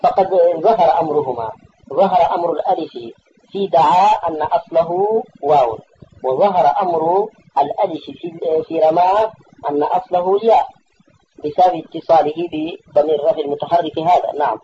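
A man's voice: fairly high pitch, moderate pace, muffled recording, slight background noise. A man teaching a classical grammar text, patiently explaining points and correcting his student. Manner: patient, repeats and corrects the reader, asks checking questions.

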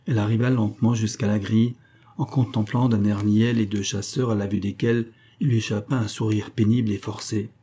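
Male audiobook narrator, measured and steady, mellow dark timbre. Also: lowish voice, slightly rough.

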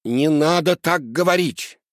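A man voicing a kind, poor old father who speaks softly and soothingly. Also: fairly high pitch, lively intonation, normal speed, slightly rough, dry recording, studio quality, pitched above the performer's own voice. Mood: pleading. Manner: soft, soothing, pleading.

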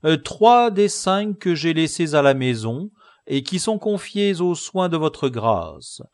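A man's voice: on the high side, sing-song, slow, dry recording, studio quality, full character voice. A man voicing a lovesick, grandiloquent middle-aged knight in an audiobook, solemn, lofty and formal. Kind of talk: audiobook character reading.

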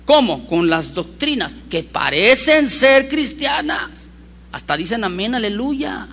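A man preaching a sermon as pastor, telling stories with lively emphasis and asking the congregation rhetorical questions. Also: sits high, slow. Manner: animated storyteller with rhetorical questions.

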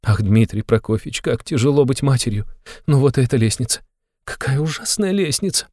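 A man reading an audiobook, voicing a flustered, tearful aging mother in a high, breathless voice. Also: animated, darkish tone, no room sound, studio quality, lightly acted. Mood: anxious. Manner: breathless, rushed, exclamatory.

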